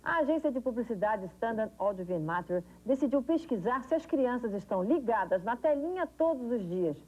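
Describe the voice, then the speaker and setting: A woman's voice: fairly high pitch, animated, moderate pace, darkish tone. A woman with a Brazilian accent reading scripted TV news, recorded on an old VHS tape. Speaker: TV news presenter. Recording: tinny, narrow-band 1990s VHS TV recording.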